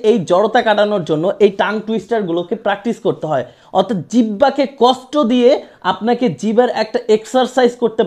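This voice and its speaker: A woman, teaching an online pronunciation lesson. She explains at length, then repeats English practice lines very slowly. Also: on the high side, warm tone.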